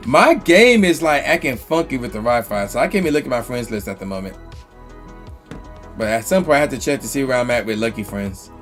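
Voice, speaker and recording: A man's voice: mid-range voice, animated, fairly quick, fairly bright tone, soft background music. A man hosting a casual livestream chat, reading viewer comments aloud and losing his voice a bit. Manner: reads viewer comments aloud, loose and chatty. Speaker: livestream host.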